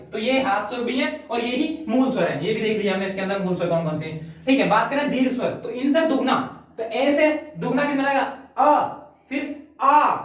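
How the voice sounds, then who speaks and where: A woman teaching Hindi grammar in an exam-prep lecture. She explains step by step, keeps checking in, and stretches out sample vowel sounds. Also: mid-range voice. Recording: very echoey room, far from the mic.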